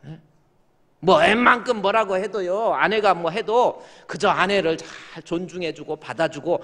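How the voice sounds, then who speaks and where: A male pastor preaching a sermon, animated and acting out the voices he quotes, swinging from hushed asides to shouts. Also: high-pitched, unhurried. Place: church sanctuary. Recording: long church reverb.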